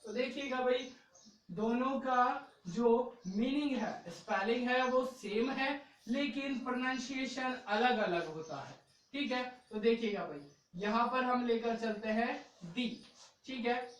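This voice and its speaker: A man's voice: very high voice, slow pace, a bit bright, distant mic. Male teacher in a very echoey room. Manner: patient, repetitive, ends phrases with "okay" and "brother". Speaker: English teacher. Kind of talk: classroom-style video lesson.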